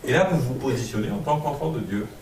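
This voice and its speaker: A man's voice: medium pitch, fast, a little mellow, roomy sound, distant mic, slight background noise, low-quality recording. A man preaching a sermon with a Marseille accent, emphatic and rhetorical, repeating phrases and building to fervent peaks. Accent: Marseille French.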